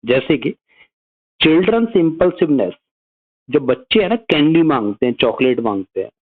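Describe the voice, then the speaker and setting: A man's voice: fairly high pitch, big pitch swings, moderate pace. A man explaining psychology in a casual video lesson, often checking in with his viewers. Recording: narrow phone-like sound.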